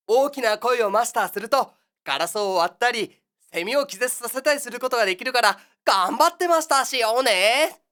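A woman's voice: on the high side, a bit bright. Woman as a sing-song kids'-show big brother. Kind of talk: comic monologue.

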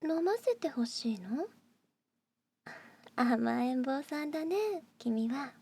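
A young woman in an ASMR roleplay, playing a doting young woman who pampers the listener, speaking in soft, breathy whispers close to the microphone. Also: sits high, slow pace, full character voice. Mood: sweet, doting.

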